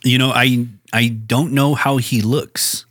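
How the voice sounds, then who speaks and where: A man's voice: mid-range voice, fairly even intonation, takes it slowly, a bit bright, no echo, studio quality. A man co-hosting a podcast in casual banter, joking and laughing often. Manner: joking, laughs often, playful put-on announcer bits. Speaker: podcast co-host.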